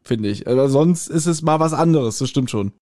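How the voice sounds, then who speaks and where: A man's voice: medium pitch, expressive, moderate pace, darkish tone. A man co-hosting a podcast, casually retelling and discussing an audio drama episode, often laughing. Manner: chatty, retells the plot with frequent laughs. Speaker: podcast co-host.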